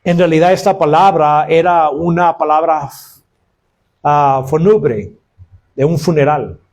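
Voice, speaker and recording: Guy preaching slow, higher voice, calls everyone brothers, wails out the quoted woes. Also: a little mellow. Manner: preaching, addresses listeners as brothers; acts out quoted cries of woe. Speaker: pastor. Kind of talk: sermon.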